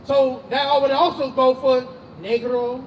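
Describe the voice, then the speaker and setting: A man's voice: very high-pitched, little pitch movement, a little slow, distant mic, highs cut off, a little hiss or hum. A man street preaching, emphatic and slangy, calling on a reader and questioning the crowd outdoors.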